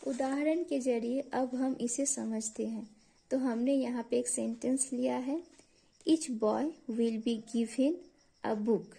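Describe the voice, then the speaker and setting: A woman with an Indian accent who teaches English grammar in Hindi. She reads each English definition slowly and carefully, then explains it. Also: fairly high pitch, steady tone, gravelly, dark tone, slightly rough. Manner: slow, careful reading of English definitions before explaining them.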